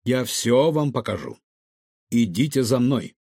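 A man voicing a calm, secretive older male inventor who explains himself in a measured way. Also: mid-range voice, husky, dry recording, clean studio sound. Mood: resigned.

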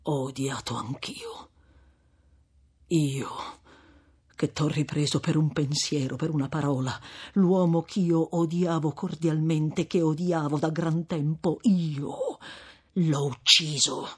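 Stern old friar done by a guy reading the book, slow husky voice, yells then goes all quiet and grave. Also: on the high side, heavily acted. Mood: grave earnest. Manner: thundering rebukes dropping to grave hushed pleas. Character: stern old male friar, severe and fervent. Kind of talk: audiobook reading of a classic novel.

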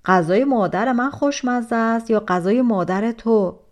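A woman voicing a big, hulking demon in a storybook tale, who asks questions and gives orders loudly. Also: on the high side, lightly acted. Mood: questioning. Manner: loud, commanding questions.

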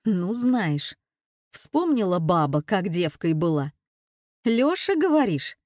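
A woman's voice: fairly low pitch, sing-song, slow pace, a little mellow, dry recording, studio quality. Older woman, strong-willed sister, blunt and self-assured, read by a woman. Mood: sardonic.

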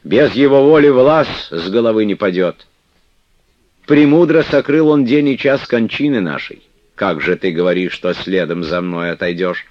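A man's voice: fairly low pitch, no room sound, pitched above the performer's own voice, natural voice. A man doing a stern old abbess. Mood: solemn. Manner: solemn, measured, archaic speech. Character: stern, loving elderly woman abbess. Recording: dull, dry lo-fi recording.

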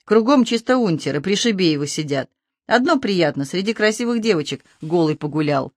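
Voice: mid-range voice, animated, fairly quick, dry recording, clean studio sound, natural voice. A reader voicing a cheeky young man who jokes with his worried mother in a teasing, breezy way.

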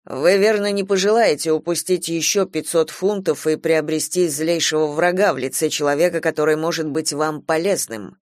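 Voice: mid-range voice, steady tone, normal speed, few pauses, dry recording, clean studio sound, lightly acted. A reader voicing Boldwood, a grave and tormented farmer, speaking tensely in an audiobook. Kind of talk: audiobook character reading.

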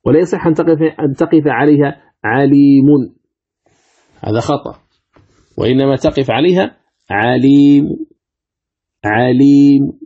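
A man's voice: medium pitch, husky. A man teaching Quranic recitation rules, asking questions and answering them himself while demonstrating pronunciations aloud. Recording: tinny phone-like audio.

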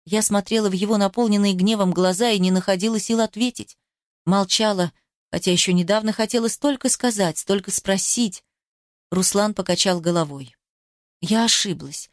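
A woman giving a steady, expressive first-person narration of an audiobook. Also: mid-range voice, normal speed, dry recording, clean studio sound.

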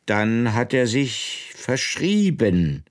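A man's voice: medium pitch, very animated, slow, pitched above the performer's own voice, full character voice. A man putting on a pompous fussy King of Hearts. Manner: self-satisfied, triumphant, easily offended.

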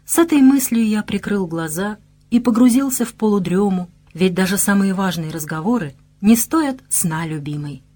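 A woman narrating an audiobook in a measured, even storytelling manner. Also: mid-range voice.

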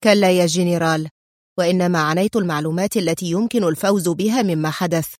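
A woman reading the lines of an angry, sharp intelligence officer in an audiobook story, speaking forcefully and lecturing. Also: on the low side, fast, no echo, clean studio sound, lightly acted.

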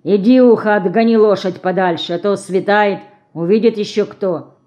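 A woman reading a gruff menacing outlaw man. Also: mid-range voice, normal speed, dark tone, lo-fi sound, natural voice. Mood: mocking. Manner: rough, threatening.

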